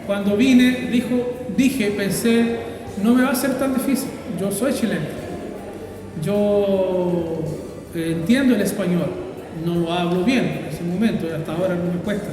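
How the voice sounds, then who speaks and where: A pastor who grew up in Brazil, answering interview questions in a thoughtful, hesitant way with many fillers. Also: male voice, high voice, measured pace, heavy reverb, in a large hall, far from the mic, poor audio.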